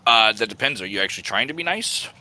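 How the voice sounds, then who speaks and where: Bright, lively game master. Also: male voice, lowish voice, fast. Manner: casual and joking, with hesitant fillers. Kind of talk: narrating a tabletop game.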